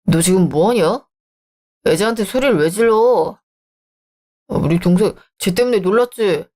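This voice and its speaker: A woman voicing a bossy married man who pushes and scolds in a lowered voice. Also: lively intonation, normal speed, darkish tone, natural voice. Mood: scolding. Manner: pushy, scolding, lower-pitched. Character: bossy married man, sister-doting husband.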